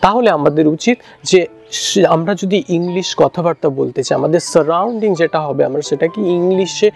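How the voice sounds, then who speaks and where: A man whose first language is Bengali, teaching spoken English in a relaxed, casual way with many fillers and restarts. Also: fairly high pitch, moderate pace, gravelly, soft background music. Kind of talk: casual instructional talk.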